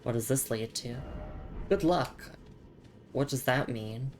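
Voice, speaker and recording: A woman's voice: rumbling low, fairly even intonation, normal speed, faint music behind. A woman streaming a game with a sick voice, chatting casually, laughing often and reading messages aloud; she notes that her accent makes her hard to understand. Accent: non-standard English accent. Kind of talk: casual live gameplay chat.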